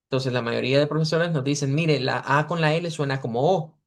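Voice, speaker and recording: Male pronunciation teacher, video call, patient, slow repeated model words, slightly high voice. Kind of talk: online class correcting students.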